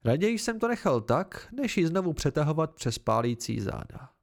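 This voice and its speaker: A man reading a fantasy novel aloud as an amateur audiobook narrator, telling it in a measured first-person voice. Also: fairly high pitch, very animated, vocal fry. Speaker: audiobook reader.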